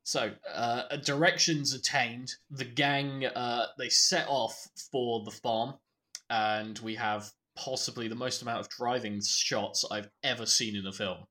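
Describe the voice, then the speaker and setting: A man's voice: medium pitch, steady tone, measured pace, sharp tone. A man co-hosting a casual film podcast, recapping the plot with laughs and the odd swear. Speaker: podcast co-host. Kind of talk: casual film review chat.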